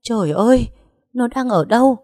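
Một người phụ nữ đọc truyện lồng tiếng một bà mẹ lớn tuổi đang hoảng loạn, gào hỏi dồn dập. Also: female voice, medium pitch, fairly quick, mellow, dry recording, clean studio sound, pitched above the performer's own voice, lightly acted. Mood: frantic. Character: frantic older mother, shrill and desperate.

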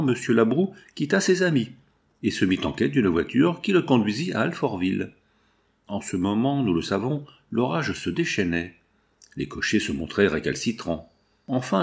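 A man reading a nineteenth-century novel aloud in measured, dramatic narration. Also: lowish voice, creaky. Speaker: audiobook reader. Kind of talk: scripted narration.

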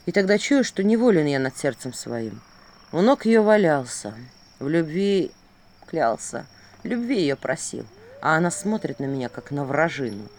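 A woman voicing a grieving, heavy-hearted male prince in a fairy-tale audiobook, speaking slowly and low. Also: sing-song, a little mellow. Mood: brooding. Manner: slow, low, heavy storytelling voice.

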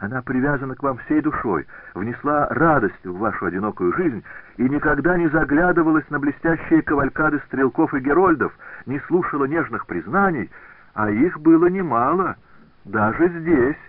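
A man's voice: mid-range voice, animated, normal speed, dry recording, voice pushed up, lightly acted. A man voicing a jealous, tearful young woman in an audiobook reading, pleading and boasting by turns. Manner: pleading, then teasing and indignant. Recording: tinny phone-like dry recording.

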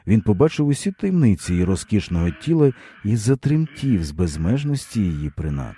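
A man with a very low, dark voice reads a literary story aloud. His delivery is expressive and dramatic, and his intonation rises and falls freely. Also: brisk, slightly rough. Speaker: narrator. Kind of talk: literary audiobook reading.

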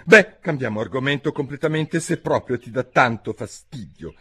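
A man's voice: medium pitch, animated, moderate pace, pushed and bright, breathy edge, pitched above the performer's own voice. A man voicing a well-meaning, talkative young girl in an audiobook, raising his voice to sound girlish. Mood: chatty. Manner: eager, chattering, tactless.

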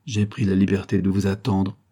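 A man's voice: sits low, level tone, fairly quick, dark tone, breathy edge. A man voicing a cunning young man who poses as a servant and speaks in a sly, insinuating way, in an audiobook. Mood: knowing.

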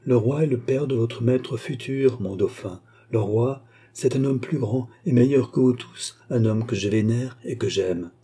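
A man's voice: mid-range voice, a little slow, hardly any pauses, mellow, husky. A man voicing a proud, indignant queen who scolds in a raised, reproachful voice.

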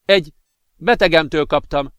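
A man's voice: fairly high pitch, a bit bright, clear, resonant tone, no room sound, close to an everyday voice. Man playing anxious caring girlfriend, raised pained voice, dry booth. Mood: distressed. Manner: pleading, pained. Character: worried young blonde woman, caring girlfriend.

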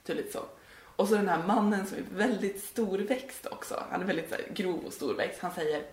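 A woman's voice: medium pitch, roomy sound. A woman co-hosting a podcast, telling a spooky story in a rambling, giggly way with many fillers. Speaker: podcast co-host.

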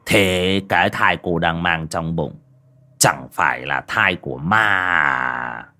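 A man's voice: low-pitched, slow, sharp tone, pitched below the performer's own voice, exaggerated voice. A man doing a sleazy, cowardly old shaman. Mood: sneering. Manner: sneering drawl, later whimpering. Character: lecherous, cowardly male village shaman.

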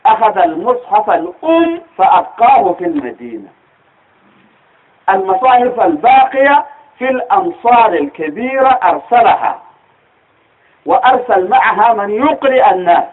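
A man's voice: sits high, sing-song, normal speed. A man with a Sudanese Arabic accent teaching a religious lesson, explaining step by step and asking rhetorical questions of his listeners. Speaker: teacher of Quranic studies. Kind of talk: religious lecture. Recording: tinny phone-like recording.

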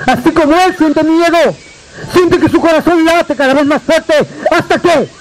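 A man with a Mexican accent telling a folk tale to a live audience, with dramatic drawn-out repetitions and joking asides. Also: very high-pitched, slight background noise, low-quality recording. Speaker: storyteller. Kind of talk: live oral storytelling.

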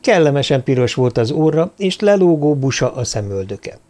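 A man giving scripted audiobook narration in a steady, even storytelling manner. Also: medium pitch.

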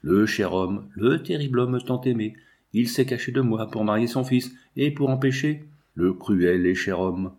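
A tender, effusive older lawyer mourning his dearest friend, lamenting with feeling, as a man reading aloud gives him voice. The voice sits a little low and speaks in impassioned outpourings. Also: moderate pace, a little mellow, natural voice. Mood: grieving.

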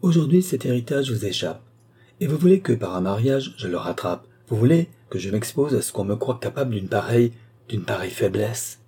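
A man's voice: mid-range voice, lively intonation, fairly quick, mellow, breathy edge. A man voicing a proud, principled young man who answers his mother firmly and earnestly. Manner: earnest, firm.

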